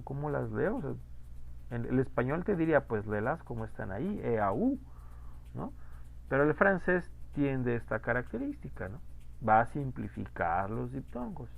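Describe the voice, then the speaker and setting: Creaky-voiced male language teacher. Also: mid-range voice, a bit bright. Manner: patient, repeats rules, asks questions. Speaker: French pronunciation teacher. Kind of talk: online class explanation.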